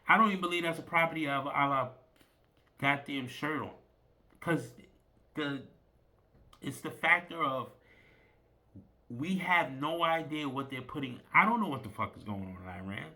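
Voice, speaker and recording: Bright-voiced man ranting casually. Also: mid-range voice. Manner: rambling, profane, repeats himself. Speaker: commentary vlogger. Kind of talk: casual rant.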